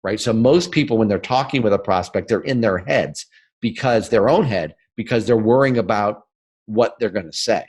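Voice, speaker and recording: A man from the northern United States, a guest on an interview podcast, explaining sales technique in an energetic and emphatic way, often asking "right?" and speeding up or slowing down for emphasis. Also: fairly low pitch, slightly rough. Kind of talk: interview, teaching.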